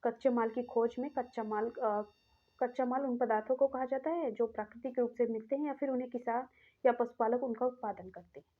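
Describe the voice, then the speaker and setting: A woman's voice: fairly high pitch, fairly even intonation, fairly quick. Woman teaching over a tinny line. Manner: explains step by step, addresses students directly. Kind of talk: exam-prep lesson. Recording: tinny phone-like sound.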